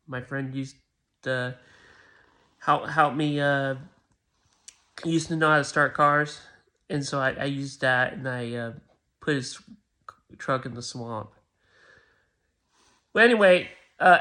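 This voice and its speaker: A man telling a made-up story in a rambling, halting way, full of restarts. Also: on the high side, sharp tone.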